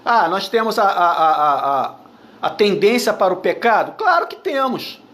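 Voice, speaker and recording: A man with a very high voice preaches a sermon in a Brazilian Portuguese accent. He speaks as a pastor, emphatic and repetitive. He keeps putting rhetorical questions to his listeners. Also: sing-song, moderate pace, a bit bright.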